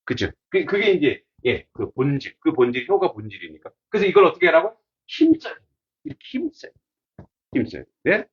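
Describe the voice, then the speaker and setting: A male pastor teaching a classics class in a casual, animated way, asking his students many rhetorical questions. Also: a little high, brisk, hardly any pauses, breathy edge, highs cut off.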